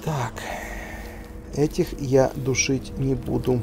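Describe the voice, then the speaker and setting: A man's voice: medium pitch, level tone, slow, creaky. A man giving casual commentary as he plays a video game. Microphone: voice-over over game audio. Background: game music.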